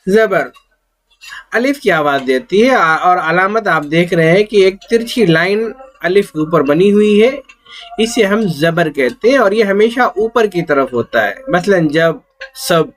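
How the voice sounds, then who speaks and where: A man's voice: sits high, expressive, a bit bright. A man teaching an Urdu class, patiently drawing out each syllable in drills and repeating his points. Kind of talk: slow, patient classroom lesson.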